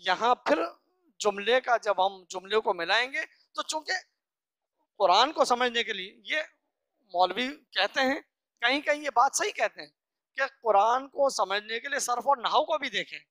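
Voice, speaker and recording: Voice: mid-range voice, bright, forceful tone, dry recording, studio quality. Earnest teacher explaining verse by verse. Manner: recites slowly, then explains phrase by phrase; earnest, instructive, asks and answers own questions. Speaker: religious teacher. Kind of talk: verse-by-verse scripture lesson.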